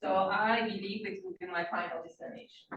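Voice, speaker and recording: Halting woman from Russia. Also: medium pitch, fairly even intonation, muffled recording, very noisy. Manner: halting, with many pauses. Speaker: club guest. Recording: very echoey room from far off.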